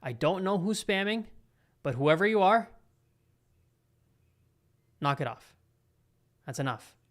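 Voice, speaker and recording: A young man hosting a live football watch-along, calling the play with excitable reactions and chatting to his viewers. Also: high-pitched, slow pace. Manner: excitable, talks to live chat between play calls. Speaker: live football stream host. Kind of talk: live match reaction commentary.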